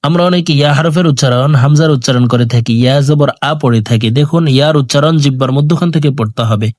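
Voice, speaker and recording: Male Quran reading teacher, slightly raised pitch, slow drill recitation, dry close-mic sound. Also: a little mellow, dry recording. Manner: slow drawn-out drill recitation with quick explanations. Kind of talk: recorded recitation lesson.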